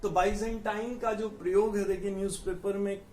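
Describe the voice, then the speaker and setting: High-voiced teacher in echoey room. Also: male voice, fairly even intonation, moderate pace, darkish tone, slight background noise. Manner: explains patiently, repeats key words, mixes English terms into Hindi. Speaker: vocabulary teacher. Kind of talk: Hindi vocabulary lesson with memory tricks.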